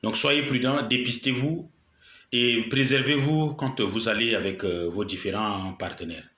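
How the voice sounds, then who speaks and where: In an echoing room, a man speaks a video statement as a political commentator, unhurried and at medium pitch, his tone bright and sharp despite a cold and sore throat. He drives his points with indignation, often saying them again for weight.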